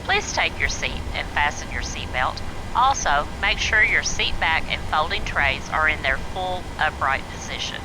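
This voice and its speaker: A man's voice: a little high, animated, a little slow, noisy background. A man voicing a male flight attendant who makes a polite, formal cabin announcement over the PA. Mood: courteous. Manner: polite, formal, routine delivery.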